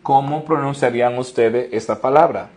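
A man's voice: mid-range voice, normal speed, darkish tone. A man teaching English pronunciation in an online lesson, explaining each rule step by step and praising viewers by name.

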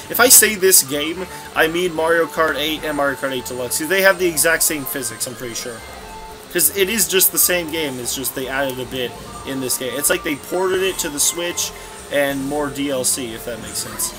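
A man's voice: on the high side, fairly quick. A young man giving casual, rambling commentary while playing a racing game, often correcting himself mid-sentence. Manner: rambling, scatterbrained, self-correcting. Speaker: let's play commentator. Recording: game music playing behind.

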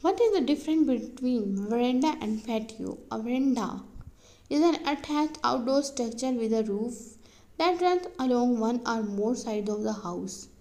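A woman's voice: on the high side, animated, moderate pace, mellow, poor audio. A woman narrating a home-and-garden explainer, reading questions and answers like a list, with occasional slips and restarts. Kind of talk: read-aloud explainer narration.

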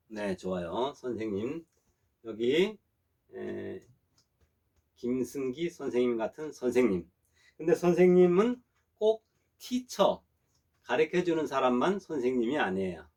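A man performing a middle-aged language teacher giving a classroom lesson. His pitch sits in an ordinary middle range, and he talks with patient, repetitive care. He keeps checking that students understand and draws out model sentences slowly for them to copy. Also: very animated, dark tone.

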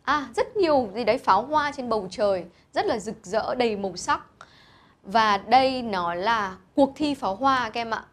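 A woman's voice: a little high, fairly bright tone. A woman teacher, explaining vocabulary to pupils and patiently repeating each word's pronunciation. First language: Vietnamese. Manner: patient, repeats and spells out pronunciation, mixing English words into explanations. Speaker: English teacher.

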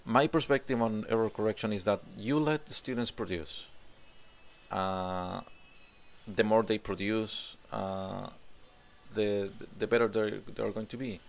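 A Chilean man in his forties, an English teacher applying for a job, records answers to interview questions at home into a desk condenser mic visible in frame, with guitars hanging on the wall behind him. He speaks English with a Chilean Spanish accent in a lowish voice with vocal fry, at a measured pace. He often repeats words while searching for the right one.

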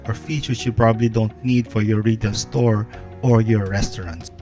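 A man in his thirties narrating a scripted tutorial from a home studio, speaking in a steady explanatory way into a close microphone with the occasional filler. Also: fairly low pitch, normal speed, faint music behind. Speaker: host, business consultant. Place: home studio with guitars on the wall. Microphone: close podcast mic in frame.

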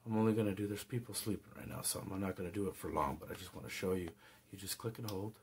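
A product reviewer casually demonstrates a radio at home, thinking aloud with small hesitations. His low voice moves fast, and heavy background noise fills the recording.

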